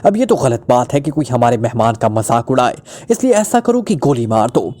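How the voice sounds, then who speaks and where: A man's voice: mid-range voice, big pitch swings, normal speed, a little mellow, natural voice. A man voicing a flippant, unflappable male detective who teases and mocks in a breezy way. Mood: mock-serious. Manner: breezy, mocking, teasing.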